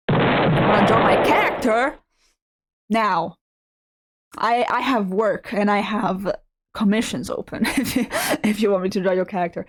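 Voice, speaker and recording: A woman hosting a casual livestream, chatting playfully with her viewers and breaking into animated exclamations. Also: mid-range voice. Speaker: livestream host, artist. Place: indoor room at a computer.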